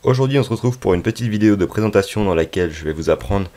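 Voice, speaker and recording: A man with a very low voice presents a tech tutorial. He speaks unscripted and haltingly, pausing often to find his next words. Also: lively intonation, warm tone. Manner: hesitant, halting delivery with frequent pauses. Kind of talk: unscripted app tutorial narration.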